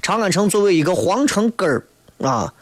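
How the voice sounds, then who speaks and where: A man's voice: sits high, big pitch swings, brisk. A man with a Shaanxi accent delivering a colloquial, opinionated monologue as a talk show host, often throwing out rhetorical questions.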